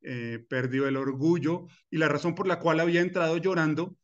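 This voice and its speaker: Speaking at a normal speed with a steady tone, the middle-aged Colombian man has a fairly high voice as he leads a personal finance masterclass. He's earnest and personal, with "eh" fillers and restarts, and the lecture recording sounds muffled.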